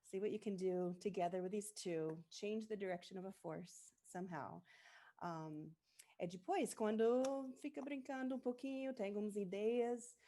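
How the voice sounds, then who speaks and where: With a warm, medium-pitched voice and a measured pace, an American woman runs a live online workshop. She is a native English speaker who switches between Portuguese and English and often hesitates while searching for the right word.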